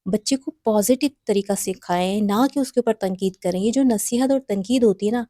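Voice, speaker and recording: A woman with a mellow, warm voice gives parenting advice in a steady, instructive way, addressing mothers directly. Her recording is close and dry, with no room sound around her. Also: mid-range voice, no echo.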